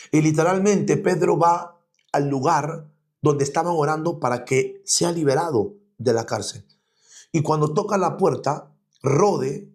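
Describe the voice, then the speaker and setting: A man's voice: fairly high pitch, darkish tone. A man preaching an online teaching sermon as an apostle, emphatic, often asking his audience rhetorical questions. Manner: emphatic, repeats "escúchame bien".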